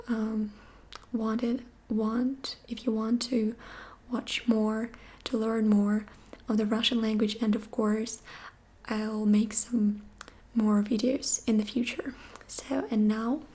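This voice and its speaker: A woman whispers through an ASMR language lesson, her voice slightly high yet mellow. She moves very slowly and gently, repeating each phrase again and again. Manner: gentle, soft-spoken. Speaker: ASMR creator teaching phrases.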